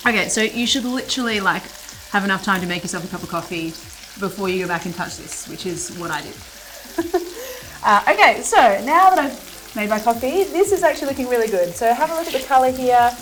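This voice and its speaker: A woman's voice: fairly high pitch, expressive, fast, a bit bright. Chatty woman cooking in a kitchen. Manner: chatty, playful, laughs at herself. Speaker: cooking show host. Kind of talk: casual cooking demonstration.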